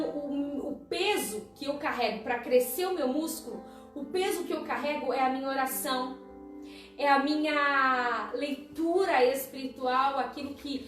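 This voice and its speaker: A woman with a very high voice preaches in a conversational way, checking in with her listeners as she goes. The sound is roomy and echoey, picked up from some distance, with faint music underneath. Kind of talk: sermon on a live stream.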